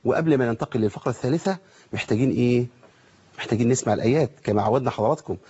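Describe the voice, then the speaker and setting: Egyptian male recitation teacher, husky voice, quick speech, asks questions, slows down to model words. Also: mid-range voice, mellow, lo-fi sound. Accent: Egyptian Arabic. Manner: asks rhetorical questions, demonstrates pronunciation slowly. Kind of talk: televised lesson.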